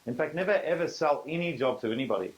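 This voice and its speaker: A man's voice: fairly high pitch, expressive, quick pace, low-quality recording. Australian man giving a business seminar. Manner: conversational, emphatic, acts out quoted dialogue. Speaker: seminar presenter. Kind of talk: live business seminar talk.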